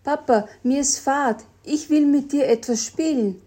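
A woman voicing a small, excited girl lizard, raising her voice to sound like an eager child. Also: sits high, unhurried, voice pushed up. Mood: pleading.

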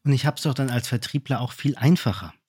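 Two men in conversation, and this one has a middle-pitched voice that comes across very dry and close to the mic. He keeps things lively, tells stories and jumps in and out of the little phone scenes he acts out. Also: fairly quick, slightly rough, dry recording. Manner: lively storytelling, acting out phone calls. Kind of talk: casual business chat.

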